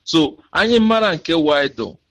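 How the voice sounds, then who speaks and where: Halting, earnest caller. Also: male voice, a little high, very animated, fairly bright tone, poor audio. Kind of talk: phone-in call.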